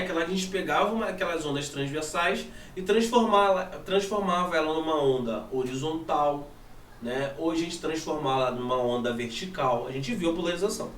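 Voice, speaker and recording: Brazilian male teacher, high voice, animated, echoey room far from mic. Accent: Brazilian Portuguese. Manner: animated, asks and answers his own questions. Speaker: physics teacher. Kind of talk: classroom lesson. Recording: echoey room from a distant mic, faint ambience.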